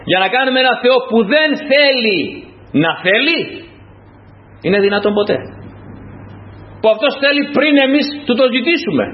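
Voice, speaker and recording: A man's voice: animated, long pauses. Dramatic preacher man with a swooping voice. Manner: dramatic, rhetorical questions, swinging from loud high to low quiet. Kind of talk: sermon. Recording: dull lo-fi recording with faint noise.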